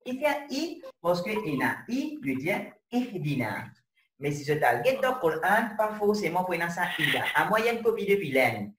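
A man leads an online lesson, walking through each step and checking that everyone follows. His pitch rises and falls a great deal, and he sounds distant in an echoey room with faint hiss behind him. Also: sing-song, moderate pace, fairly bright tone. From Mauritius. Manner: explains step by step, keeps checking students follow. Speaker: Arabic teacher. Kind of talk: online class lecture. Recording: roomy, distant with faint noise.

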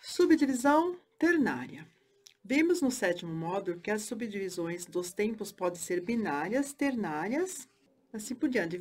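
A woman teaching music theory, speaking clearly and chanting rhythm syllables. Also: medium pitch. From Brazil.

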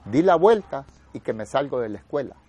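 A man in his sixties with a Salvadoran accent, an army veteran telling his story lively and acting out the voices of others. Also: medium pitch, brisk, breathy edge. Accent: Salvadoran Spanish. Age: 60s. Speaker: war veteran interviewee. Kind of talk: spoken war memoir.

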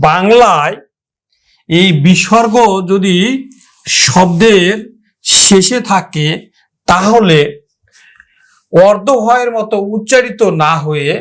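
A male teacher from Bangladesh giving a spoken lesson, slow and deliberate, repeating and drawing out example words. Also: sits high.

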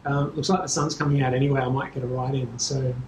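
A man in his thirties with an Australian accent, talking casually to camera about cycling, relaxed and chatty with frequent ums, in a small garage with bikes. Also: mid-range voice, quick pace, slight background noise. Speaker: cycling vlogger. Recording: echoey small room, faint ambience.

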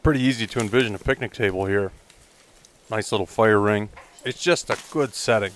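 This middle-aged vlogger has a lowish voice and a brisk pace. He narrates outdoors in a pine forest, keeping things casual, easygoing, wry and matter-of-fact.

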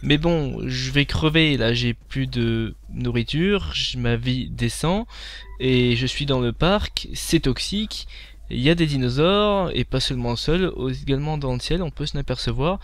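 A young man with a French accent giving casual, animated commentary while playing and reviewing a game, taunting enemies and swearing. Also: mid-range voice, unhurried.

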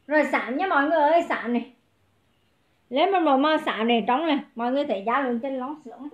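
High-voiced woman hawking clothes on a livestream. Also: reverberant, dull audio. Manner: brisk, calling out prices to viewers. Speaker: online clothing seller. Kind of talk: livestream sales pitch.

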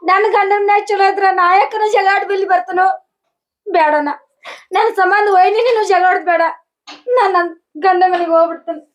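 Woman as a crying, pleading younger sister, North Karnataka accent, very high voice, dull sound. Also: fairly even intonation, brisk. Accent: North Karnataka Kannada. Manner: sobbing, pleading, calls her brother often. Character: tearful married younger sister fleeing a drunk husband. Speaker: sister in a comedy skit.

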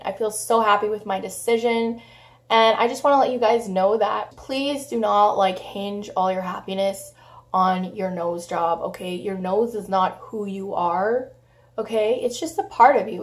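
A young woman talking to camera in a frank, chatty vlog, her voice hoarse from a cold, swearing freely and filling with "like". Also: medium pitch. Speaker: vlogger. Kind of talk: casual vlog talk to camera.

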